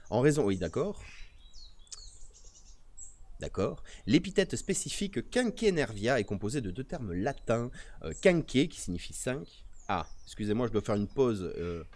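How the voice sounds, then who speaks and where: Animated, playful male streamer. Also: fairly low pitch. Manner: playful, teasing, mock-indignant. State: tired. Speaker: nature streamer hosting a press review. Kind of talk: live-stream chat, reading aloud with joking asides.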